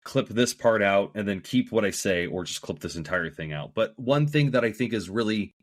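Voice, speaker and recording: A man's voice: on the low side, lively intonation, normal speed, no room sound, clean studio sound. A man from the American Midwest co-hosting a casual podcast, laid-back and full of "you know". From Midwest United States. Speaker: podcast co-host. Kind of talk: casual chat.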